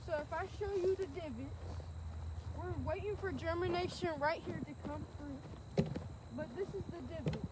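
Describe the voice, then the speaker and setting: A woman's voice: extremely high pitch, normal speed. A teenage girl with a Kentucky accent giving a casual guided tour of a farm field, chatty and loose with many ums as she walks and points. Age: teen. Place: outdoors on an open urban farm field. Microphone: camera held by a person following a few feet behind. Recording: outdoor field noise on a handheld camera.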